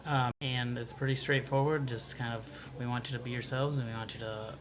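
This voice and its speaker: A man's voice: mid-range voice, level tone, a little fast. A man with an American accent, informally explaining rules to student orientation leaders. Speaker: orientation staff organiser. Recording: clear ambient background noise.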